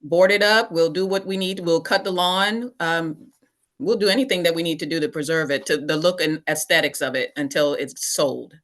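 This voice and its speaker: A woman from the Bahamas, a podcast guest explaining things in a relaxed, matter-of-fact way. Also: deep voice, normal speed. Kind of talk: casual interview.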